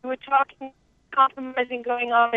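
A woman's voice: high voice, level tone, normal speed, dry recording. Woman on a clipped, tinny phone line. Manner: earnest, rambling with restarts. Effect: clipped phone line cutting in and out. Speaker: caller. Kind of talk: call-in conversation. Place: in a car. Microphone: mobile phone.

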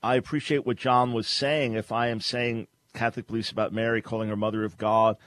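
A man hosting a call-in radio talk show, speaking firmly and earnestly in long steady stretches. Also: fairly low pitch, dry recording.

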